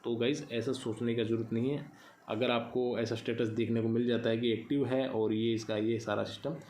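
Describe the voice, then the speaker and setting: A man's voice: mid-range voice, steady tone, a little fast, darkish tone, slight background noise. A man explaining an online check step by step, repeating numbers aloud as he types them. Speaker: tutorial host. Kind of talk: screen-recorded how-to explanation.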